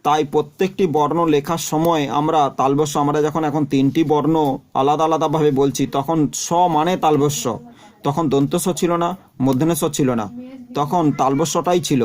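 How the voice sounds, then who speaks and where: A male teacher gives a patient classroom lecture, working through his points one by one. His voice sits a little high for a man. He keeps turning to his students and telling them to look at what he is showing. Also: steady tone, normal speed, a little mellow. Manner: explains step by step, repeating terms and examples.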